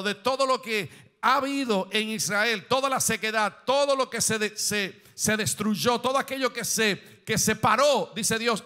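A man's voice: high voice, sharp tone. A man preaching a sermon as pastor, reading scripture aloud and explaining it, with rising questions and phrases that lift into song.

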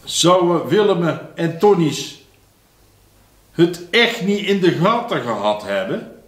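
Guy reading a dictation real slow, calls out the punctuation low, roomy echo. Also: sing-song. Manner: reads each phrase slowly, then drops low to call out punctuation. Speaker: dictation reader.

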